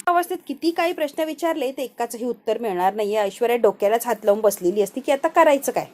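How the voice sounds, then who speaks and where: A woman's voice: on the high side, animated, fast, mellow. A woman with a Marathi accent recapping a TV serial episode in voice-over, retelling scenes and acting out the characters' lines. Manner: switches between narration and acted dialogue of several characters.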